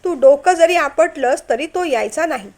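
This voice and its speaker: An ailing older man who talks quietly and regretfully about an old friend, as a woman narrator puts him on. The voice stays soft and mild. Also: high voice, animated, moderate pace. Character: older ill man, loyal and gentle, coughing.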